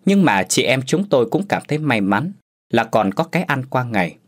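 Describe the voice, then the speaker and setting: A man narrating a first-person story as a storyteller in scripted narration, with lively, expressive delivery. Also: medium pitch, normal speed.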